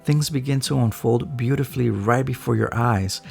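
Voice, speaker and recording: This vlogger's voice is medium-pitched with some vocal fry, moving at a moderate pace. He narrates casually, upbeat and heartfelt, often talking about trusting his heart. It's a voice-over with loud music playing behind it.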